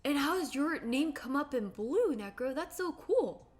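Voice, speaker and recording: This livestream host, in her late twenties, has a high-pitched, expressive voice and a measured pace, with faint music in the background. She keeps up bubbly, casual chatter while drawing and reading viewer comments.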